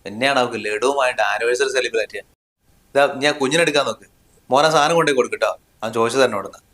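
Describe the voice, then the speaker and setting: A man's voice: mid-range voice, racing, fairly bright tone, echoey room, natural voice. A man acting a husband in a short drama, scolding and dismissive in tone. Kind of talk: scripted drama dialogue.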